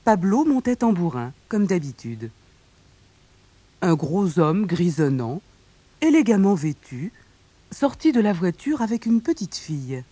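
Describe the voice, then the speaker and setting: A narrator reading a children's storybook aloud in a calm, steady way. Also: mid-range voice, breathy edge, no room sound. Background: faint music.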